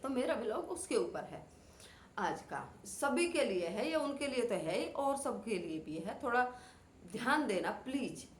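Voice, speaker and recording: A woman's voice: on the high side, very animated, measured pace. A woman talking earnestly to her viewers in a casual vlog, acting out family quarrels as she lectures. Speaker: vlogger. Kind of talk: casual talk to camera. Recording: echoey room, faint background noise.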